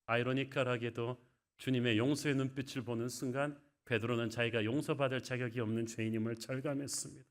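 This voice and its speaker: A male pastor preaching a sermon in a church, emphatic, with dramatic swings from soft to loud. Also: medium pitch, fairly even intonation, fast talker. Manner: emphatic, dramatic rises and drops in volume. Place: church sanctuary.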